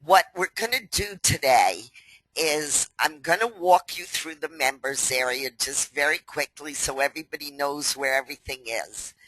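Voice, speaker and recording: A company president with a New York accent hosts a webinar, walking viewers through a members area of the software step by step in an unhurried, chatty way. Her voice is deep and fairly bright, though stuffy from a head cold. The recording is low-quality, with no room sound.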